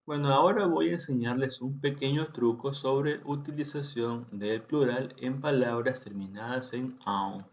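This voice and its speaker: A man teaching Portuguese grammar, saying example sentences slowly and explaining with frequent check-ins to his students. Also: mid-range voice. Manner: slow model sentences, then quick explanations with frequent "¿de acuerdo?". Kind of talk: language lesson. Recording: dull lo-fi sound.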